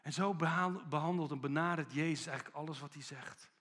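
A man preaching a sermon with animated storytelling, acting out the people he quotes. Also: a little high, brisk.

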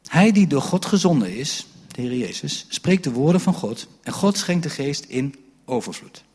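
A man delivers a sermon to a church congregation, breaking off now and then to talk straight to the people in front of him. His voice sits somewhat high and has a husky, breathy edge. Long reverb from the hall trails after every phrase. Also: very animated, normal speed, a little mellow. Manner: conversational preaching with asides to the congregation. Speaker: pastor.

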